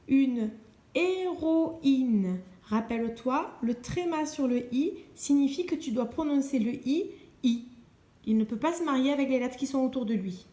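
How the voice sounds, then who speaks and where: A woman primary school teacher slowly and patiently explaining homework exercises to young children, spelling out letters and sounds. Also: sits high, mellow, roomy sound. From France.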